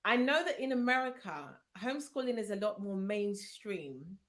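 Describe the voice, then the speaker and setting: A woman's voice: medium pitch, expressive, normal speed, fairly bright tone. Chatty woman hosting a live interview. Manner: chatty, upbeat, many fillers. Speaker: host. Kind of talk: live-streamed interview chat.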